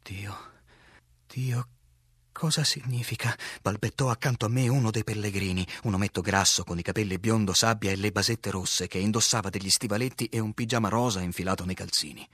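A man's voice: lowish voice, fairly even intonation, fast talker, hardly any pauses, fairly bright tone, dry recording, clean studio sound. A man narrating a literary audiobook, reading with drama and swelling on the tense passages.

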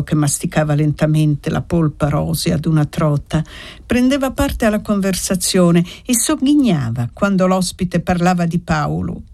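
A narrator reading a novel aloud in a measured, steady way. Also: medium pitch. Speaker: audiobook narrator. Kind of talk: scripted narration.

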